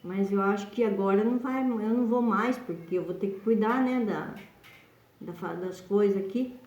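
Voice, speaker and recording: A woman voicing a calm, cynical young heir. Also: medium pitch, moderate pace, natural voice. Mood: resigned. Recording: dull echoey room.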